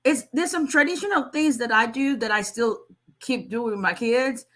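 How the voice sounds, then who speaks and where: A woman in her forties from Nigeria works through viewers' questions as an immigration attorney on a casual livestream. She talks in a strong, fairly bright voice, fairly high in pitch and moderate in pace, chatty and often restarting.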